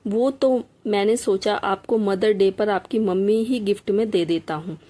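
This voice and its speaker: A woman reading a storybook aloud, voicing an earnest young man who gently pleads with his older brother. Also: medium pitch, measured pace, natural voice.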